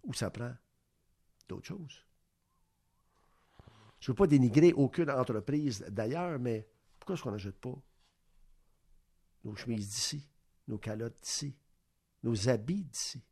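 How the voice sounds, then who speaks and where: Man, Quebec French accent, radio host, gravelly voice, rambling monologue, rhetorical questions. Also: mid-range voice, expressive, measured pace, long pauses, mellow. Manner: rambling, asks rhetorical questions, acts out little exchanges. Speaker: radio sports show host. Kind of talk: opinion monologue.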